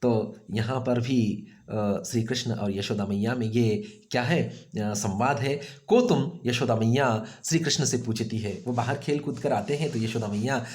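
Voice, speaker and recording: A man's voice: measured pace, hardly any pauses, a little mellow. Man teaching with rhetorical questions. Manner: asks rhetorical questions and answers them himself; repeats key phrases, acting out quotes with sharply raised pitch. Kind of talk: explaining a Hindi grammar lesson.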